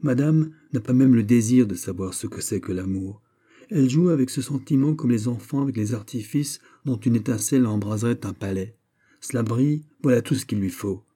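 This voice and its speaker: A man voicing a gentle, earnest young woman who speaks sincerely of love, in an audiobook. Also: mid-range voice, fairly quick, natural voice. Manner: earnest, pleading.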